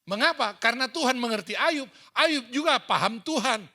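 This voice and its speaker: Bright-voiced pastor preaching. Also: male voice, very high voice, moderate pace. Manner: animated storytelling, acts out dialogue. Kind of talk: sermon. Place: church hall.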